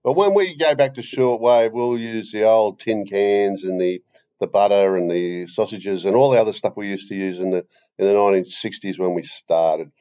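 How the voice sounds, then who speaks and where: An older Australian man with a lowish voice hosts a comedy podcast chat, rambling haltingly in a deadpan way. The recording sounds slightly dull.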